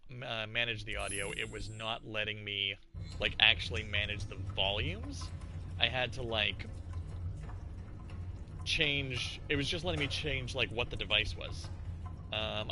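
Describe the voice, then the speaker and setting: A man's voice: fairly low pitch, expressive, moderate pace, sharp tone. A man doing casual live game-stream commentary, chatting and thinking aloud as he plays. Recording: music behind the voice. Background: music.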